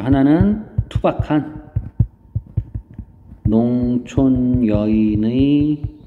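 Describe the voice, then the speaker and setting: A male teacher giving an online lecture, explaining step by step with fillers, pausing as he writes notes. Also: fairly high pitch. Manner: explains slowly while writing, frequent fillers. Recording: dull lo-fi audio, long reverb, faint noise.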